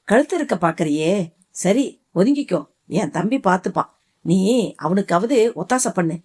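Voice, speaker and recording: A woman's voice: medium pitch, animated, a little slow, darkish tone, slightly rough. A woman voicing a scheming, ruthless woman who talks in a cold, commanding way in an audiobook. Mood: scornful.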